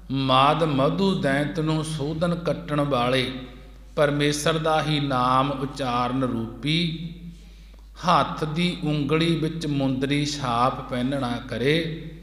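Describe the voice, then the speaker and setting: A man preaching in a gurdwara hall, chanting scripture lines and then explaining them slowly, repeating each line. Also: on the high side, fairly bright tone. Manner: slow, measured, repeats each line twice. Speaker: Sikh preacher. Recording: echoey hall with long reverb.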